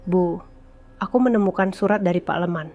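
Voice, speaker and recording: An anxious, earnest grown son in a horror story, read by a woman. He questions his mother in a slightly low register, with music behind. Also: fairly quick, darkish tone, muffled recording, lightly acted.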